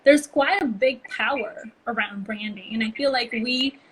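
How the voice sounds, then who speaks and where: Poor audio with slight background noise carries a woman from Bali, Indonesia, speaking at a moderate pace in a fairly high pitch. She's a brand consultancy co-founder chatting as a guest in a casual video-call interview. Her storytelling is chatty and peppered with "like" and "um."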